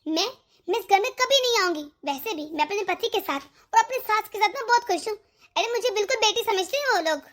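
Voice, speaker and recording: A woman's voice: very high-pitched, lively intonation, fairly quick, fairly bright tone. A woman voicing a stubborn, indignant young married woman in a cartoon. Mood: defiant. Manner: indignant, complaining. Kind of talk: cartoon voice acting.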